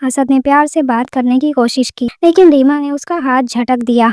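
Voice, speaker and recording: A woman narrating a romantic drama story in a steady, scripted storytelling manner. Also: sits high.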